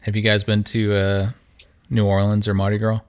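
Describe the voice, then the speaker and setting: A man co-hosting a podcast in casual chat, laid-back and halting, with many fillers. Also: on the low side, monotone, smooth. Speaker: podcast co-host.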